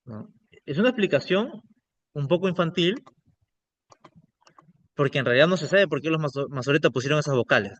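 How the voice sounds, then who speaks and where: Slightly high-voiced man teaching a class. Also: expressive, a little fast, long pauses, fairly bright tone. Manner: explanatory, checks in with frequent "ok?". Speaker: pastor teaching biblical Hebrew. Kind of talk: online class lecture.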